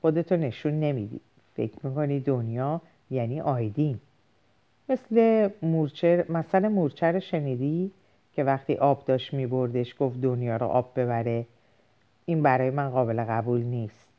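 A woman's voice: very deep voice, muffled recording. A woman reading the lines of a stubborn, angry middle-aged father who speaks with scorn. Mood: scornful. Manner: scornful, shouting bursts.

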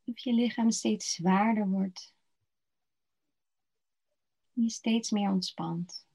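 A woman guiding a slow body-scan relaxation meditation in a soft, soothing voice with long pauses. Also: medium pitch, gravelly, breathy edge. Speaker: meditation guide. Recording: dull lo-fi recording.

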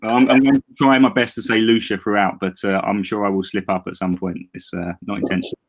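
A man's voice: on the low side, steady tone, fast talker. A man with an Essex, London accent hosting a casual podcast interview. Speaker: podcast host.

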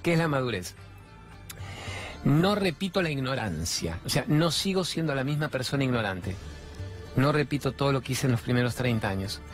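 A man over fifty with an Argentine accent gives a motivational spiritual talk. He speaks in a lively, colloquial way and often acts out little voices when he quotes people. Faint music plays softly behind him. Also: mid-range voice, moderate pace. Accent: Argentine Spanish. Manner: animated, colloquial, slips into voices for quoted speech.

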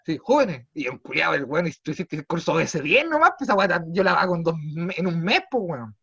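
Chilean man, young, swearing comic storyteller, lively swooping pitch, slightly dull lo-fi recording. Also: a little fast, creaky, slightly rough. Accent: Chilean Spanish. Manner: animated, swearing, jumps between low mutters and loud exclaims. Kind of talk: casual comedic storytelling.

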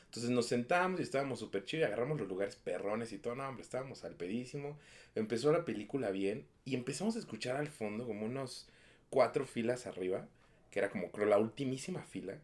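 A young man with a Mexican accent, co-hosting a casual chat and telling a slangy, animated story. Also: mid-range voice, quick pace. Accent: Mexican Spanish. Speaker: podcast co-host.

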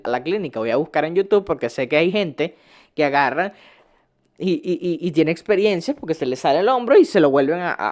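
A young man with a Venezuelan accent, ranting casually as a vlogger, swearing a lot, laughing often and stumbling over his words. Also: a little high. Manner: profane, rambling, laughs often, restarts words. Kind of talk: casual rant.

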